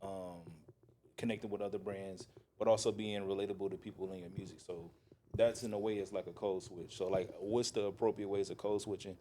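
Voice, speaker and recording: A man with a lowish voice hosts a casual interview. He speaks haltingly, searching for the right word. There is faint noise in the recording. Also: flat delivery, mellow. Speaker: podcast host.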